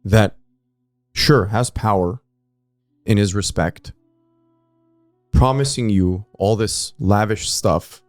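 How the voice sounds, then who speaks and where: A man's voice: fairly low pitch, slow pace, long pauses, no room sound, soft background music. Man pressing his point on a podcast. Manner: pushes his point, questioning, often cuts in. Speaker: podcast co-host. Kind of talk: casual history podcast discussion.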